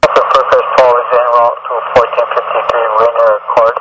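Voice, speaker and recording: A man speaks as a police officer giving a terse radio update. His mid-pitched voice comes through a dull, muffled two-way radio. Very loud static runs through the transmission. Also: monotone, moderate pace.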